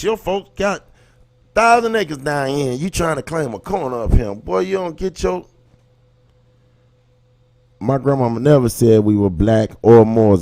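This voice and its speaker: Speaking in a medium-pitched, darkish voice, an American man hosts a livestream for his live viewers. He gives passionate, casual commentary in colloquial language, leaning on rhetorical questions to make his points land.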